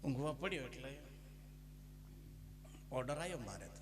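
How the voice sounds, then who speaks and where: A man's voice: medium pitch, animated, normal speed, noisy background. A man with a Gujarati accent giving a devotional talk in a folksy, humorous storytelling manner, breaking into sung verses. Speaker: bhajan singer and spiritual storyteller. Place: devotional gathering with live music. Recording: music playing behind. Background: instrumental music.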